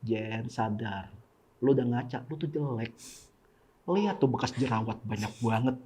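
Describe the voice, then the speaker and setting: A man's voice: a little high, lively intonation, measured pace, darkish tone. Man putting on a sneering devil voice. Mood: hushed taunting. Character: mocking male devil taunting a woman.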